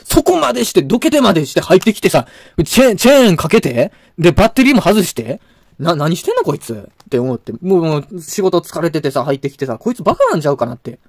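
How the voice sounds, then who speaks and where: A man's voice: fairly high pitch, sing-song, quick pace, no room sound, studio quality. A man with a Kansai accent, ranting angrily to camera with insults and frequent restarts. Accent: Kansai Japanese. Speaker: video blogger. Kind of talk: angry rant to camera.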